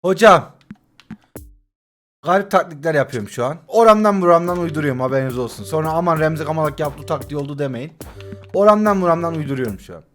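Brief: young man in his twenties, gaming commentator, high voice, frustrated, cursing and begging the game. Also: quick pace, faint music behind. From Turkey. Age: 20s. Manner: exasperated, swears and pleads with the game; swings between shouting and forced calm. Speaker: gaming YouTuber. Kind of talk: live gameplay commentary.

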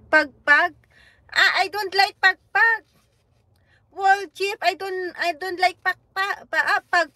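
A woman's voice: extremely high pitch, pushed and bright, no room sound. A woman hosting a livestream, chatting casually, teasing viewers and giggling as she reads their comments aloud. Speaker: livestream host.

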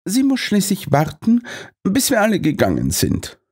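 A man's voice: high-pitched, wildly swooping pitch, moderate pace, a little mellow, husky, pitched above the performer's own voice, full character voice. A man voicing a self-assured male master detective who lectures and explains triumphantly. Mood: lecturing.

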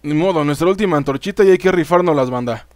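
Chatty Mexican gamer, slightly high voice. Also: male voice, fast, no echo. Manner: chatty, swears freely, talks straight to viewers. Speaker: gaming YouTuber. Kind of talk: casual let's-play commentary.

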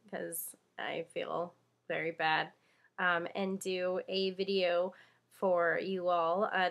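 A young woman vlogging to camera with a congested, nasal voice from a cold, halting with many fillers. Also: fairly low pitch, fairly bright tone. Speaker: beauty vlogger. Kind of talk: casual chat to camera.

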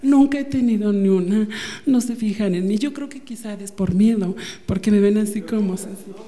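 A Mexican man in his twenties, from Mexico City, giving a comic audition, soft and giggly, holding a handheld mic in an indoor casting room. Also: high-pitched, moderate pace. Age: 20s. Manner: soft, sweet and giggly, gushing about tenderness. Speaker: audition candidate.

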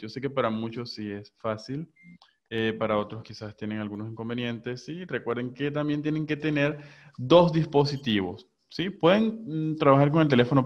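Man teaching English over a dull call line. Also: medium pitch. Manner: switches between slow English examples and quick Spanish explanations. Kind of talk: online class.

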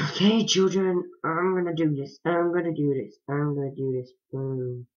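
A man's voice: on the high side, fairly even intonation, normal speed. Man muttering over a game on a lo-fi mic. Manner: mutters, hums and sings filler sounds between lines; swears freely. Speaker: gaming channel host. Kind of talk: casual gameplay commentary. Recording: dull lo-fi home mic.

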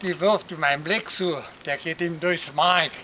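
A man reciting a rhyming comic poem for an audience, lively, jumping up in pitch for shouted cries. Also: moderate pace, slight background noise, low-quality recording. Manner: lively storytelling, swings voice up for quoted cries. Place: outdoor garden theatre.

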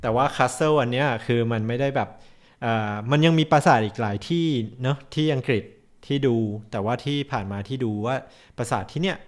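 A man from Thailand co-hosting a casual travel chat, talking in a relaxed, chatty way and stumbling over foreign place names. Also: mid-range voice, a little fast. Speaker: co-host.

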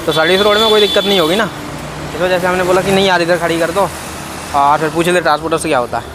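Talking rapid-fire in a high voice, a man in his 20s vlogs casually as a truck driver, addressing his viewers as brother. He records on a phone at arm's length from a parked truck cab and the roadside outdoors, with vehicles and city street sounds clearly audible behind him.

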